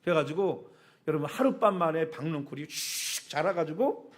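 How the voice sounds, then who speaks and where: Animated woman pastor preaching a sermon. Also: deep voice, moderate pace. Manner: animated storytelling with sound words and rhetorical questions; laughs often while preaching.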